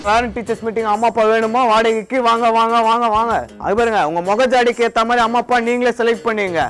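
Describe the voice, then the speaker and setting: A young man playing a pushy student hustler who rents out fake parents, calling out loudly in a comedy sketch. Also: extremely high pitch, fairly even intonation, soft background music. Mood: hawking loudly. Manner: shouting hawker calls, fast and pushy. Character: loud fast-talking male student hustler renting fake parents. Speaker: rent-a-parent hawker. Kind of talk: Tamil comedy sketch acting.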